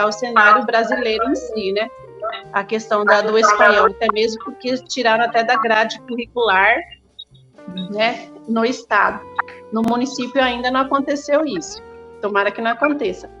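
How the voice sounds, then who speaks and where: A woman's voice: a little high, steady tone, moderate pace, highs cut off, music in the background. A woman from the Brazil–Paraguay border, a schoolteacher speaking as a guest from her school over a remote call, thoughtful and hesitant, with many fillers. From Brazil–Paraguay border, Mato Grosso do Sul. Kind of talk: casual interview answers.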